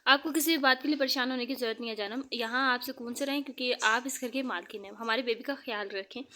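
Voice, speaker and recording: A woman voicing a gentle, patient young husband who speaks softly but firmly, in an audiobook novel reading. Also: fast talker, slight background noise. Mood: tender, firm. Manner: soft, low-key and calm yet firm.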